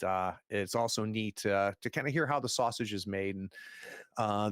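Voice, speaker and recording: A man's voice: fairly low pitch, dry recording. Conversational man as game master, dry sound. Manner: explanatory, conversational. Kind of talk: casual tabletop game narration and commentary.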